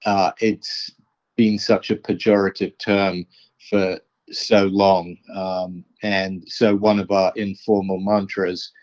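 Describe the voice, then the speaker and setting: A slow-speaking man talks casually as an interview guest, filling his pauses with ums and uhs. His voice sits a little low. The recording is dull and lo-fi. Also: level tone, a little mellow. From England. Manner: hesitant, many ums and uhs. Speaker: artist guest. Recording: dull lo-fi sound.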